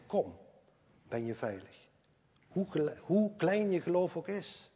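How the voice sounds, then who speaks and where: An older man, a grandfather, preaching a sermon in earnest, repeating key phrases and moving between loud stresses and quiet asides. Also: fairly high pitch, slightly rough. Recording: long hall reverb.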